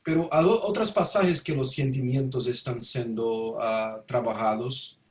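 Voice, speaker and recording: Male student, non-native Spanish with Portuguese-tinged accent, halting delivery, searching for words, roomy echoey sound. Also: mid-range voice, far from the mic. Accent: non-native Spanish, Portuguese-influenced. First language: not Spanish. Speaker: student in an online class. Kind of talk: hesitant class discussion.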